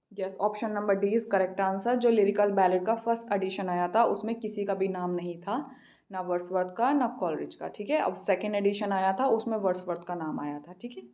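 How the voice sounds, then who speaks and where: An Indian woman tutoring an English exam, reading questions slowly and then explaining quickly. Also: mid-range voice, dark tone, dull audio. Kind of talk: exam practice lesson, Hindi-English mix.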